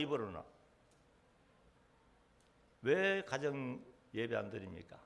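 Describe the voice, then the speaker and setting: A pastor preaches a sermon in a fairly high voice with a gravelly edge. His pitch swings widely, and he keeps putting questions to the congregation.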